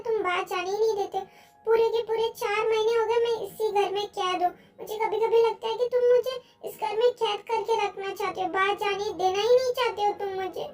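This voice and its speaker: A woman's voice: extremely high pitch, darkish tone, far from the mic, pitched above the performer's own voice. A woman voicing an upset, complaining young woman in a fan audio drama.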